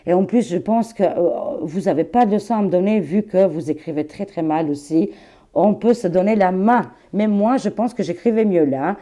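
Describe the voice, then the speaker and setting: A woman's voice: on the low side, moderate pace, mellow. A woman in her forties with an Albanian accent, talking casually to her viewers as a tarot channel host, chatty and laughing, with many fillers. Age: 40s.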